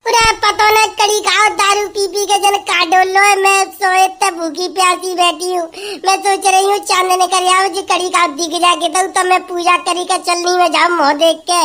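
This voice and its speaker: A woman playing a wife who is fasting and scolds her drunk husband. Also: very high voice, level tone, bright, forceful tone. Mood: grumbling. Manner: complaining, scolding. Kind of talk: comedy sketch acting.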